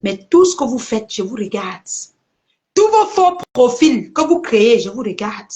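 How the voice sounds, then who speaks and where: A woman's voice: on the high side, sing-song, a little slow, warm tone, highs cut off. A woman, delivering a confrontational vlog rant to her followers and repeating her points for effect. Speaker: social media personality. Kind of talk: live video rant to followers.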